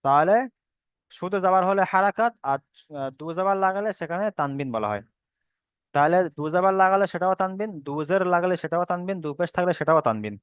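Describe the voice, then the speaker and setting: A man's voice: sits high, smooth, no room sound, muffled recording. Patient male Quran reading teacher. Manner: patient, repetitive explaining, drawn-out sounds when demonstrating letters. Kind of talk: online Quran reading lesson.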